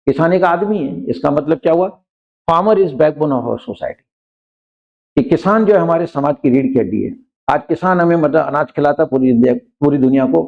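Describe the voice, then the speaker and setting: A man teaching an English grammar lesson, explaining patiently and reading example sentences slowly, often checking in with his students. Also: fairly high pitch, gravelly, highs cut off. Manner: frequently checks in with listeners.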